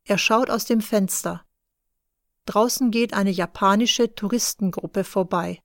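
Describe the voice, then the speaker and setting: A woman narrating an easy German audiobook for learners, clear and careful. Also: mid-range voice, measured pace, no room sound, clean studio sound.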